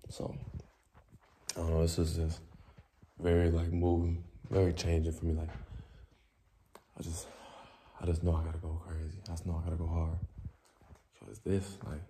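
In the hush of an old church, a young vlogger talks into a close-held phone camera with a low, monotone voice at a moderate pace, leaving long pauses. Slight background noise is present, and his easygoing, slangy talk drifts toward softness and reflection.

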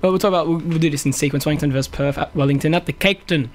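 A quick-talking man co-hosts a football talk show, his voice sitting a little higher than most. He cracks jokes and laughs easily through loose banter. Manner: joking, laughs often. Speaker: co-host. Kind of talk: casual sports chat.

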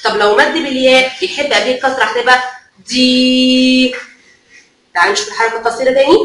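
A woman's voice: medium pitch, fairly bright tone. A woman with an Egyptian Arabic accent teaching a kindergarten phonics lesson, asking questions and answering them herself in a coaxing way, drawing out the letter sounds. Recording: very echoey room, mic far off, faint noise.

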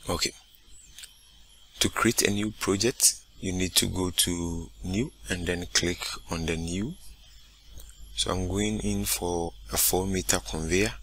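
A man walking through a software tutorial step by step, often saying "okay, great" between steps. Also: sits low, slow pace, slight background noise. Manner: steady step-by-step explaining, repeats "okay, great". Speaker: instructor. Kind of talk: screen-recorded software tutorial.

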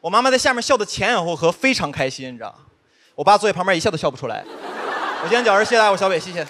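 A young man performing a stand-up comedy set on stage, telling quick self-mocking stories with constant asides to the audience. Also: high-pitched, sing-song, sharp tone, slight background noise. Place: studio stage before a live audience. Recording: live stage mic with audience laughter. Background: audience laughter.

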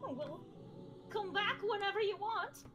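A woman with a very high, bouncy voice talks unhurriedly on a game stream and reads the lines in goofy voices. Game music plays behind her voice-call mic. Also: animated, unhurried. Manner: playful, reads dialogue in silly voices. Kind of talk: casual game stream chat.

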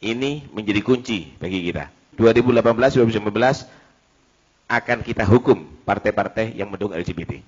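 A man's voice: fairly low pitch, animated, brisk, husky. A male preacher speaking firmly and emphatically, warning his listeners. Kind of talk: sermon. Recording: dull lo-fi recording.

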